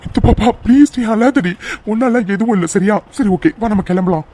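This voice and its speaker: A young husband in a cartoon, gentle and reassuring, voiced by a performer. His voice is mellow and dark-toned. He speaks softly, stumbles a little, then soothes and comforts. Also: mid-range voice, a little fast, soft background music, lightly acted. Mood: comforting. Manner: soft, hesitant, reassuring. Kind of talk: cartoon voice acting.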